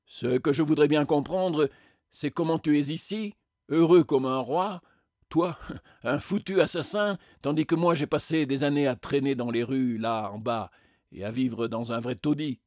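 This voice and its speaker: An indignant, resentful burly ghost, as a man reading the tale puts him on, voice pushed higher and louder than the narration. He protests and complains in a storybook reading, recorded dry and close. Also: moderate pace, no echo, close to an everyday voice.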